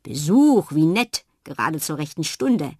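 A woman's voice: low-pitched, very animated, a little slow, slightly rough, dry recording, studio quality, full character voice. A woman playing a friendly old magician. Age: older. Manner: warm, welcoming, gentle.

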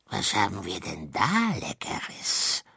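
A man's voice: sits low, huge pitch swings, slow pace, gravelly, sharp tone, slightly rough, no room sound, studio quality, exaggerated voice. A man voicing a scrappy, greedy ship rat in a storybook reading, hissing and sneering.

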